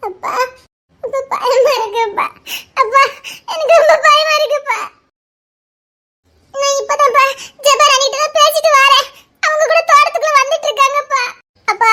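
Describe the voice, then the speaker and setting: Frightened young woman for an audio drama a woman acts her: very high, bright, shaky and tearful. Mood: desperate. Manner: tearful, shaky, laughing through sobs. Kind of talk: Tamil serial-style audio drama.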